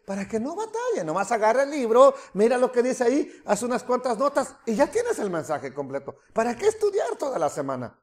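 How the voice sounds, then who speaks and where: Animated preacher man. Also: very high voice, brisk, few pauses. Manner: animated, mocking asides and rhetorical questions. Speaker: pastor. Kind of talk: sermon.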